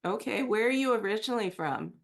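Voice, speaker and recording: A woman's voice: medium pitch, very animated, brisk. A woman hosting a podcast, asking curious, friendly questions in a conversational interview. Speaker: podcast host.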